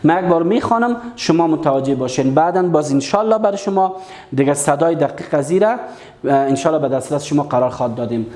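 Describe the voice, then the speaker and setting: A man's voice: a little high, lively intonation, a little mellow, roomy sound. A man teaching a language lesson online. He is patient, repeats key words and asks the class questions.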